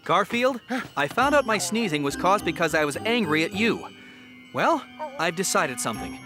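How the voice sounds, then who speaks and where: A man voicing a flustered, excitable young cat owner with a sneezing problem. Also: high voice, normal speed, over music. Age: young adult. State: sneezy, allergic. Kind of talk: cartoon voice acting.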